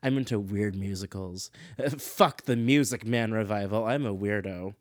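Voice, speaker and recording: A man's voice: lowish voice, moderate pace, dry recording, clean studio sound. A man hosting a casual solo commentary show, chatty and self-deprecating, wandering off on tangents. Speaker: podcast host.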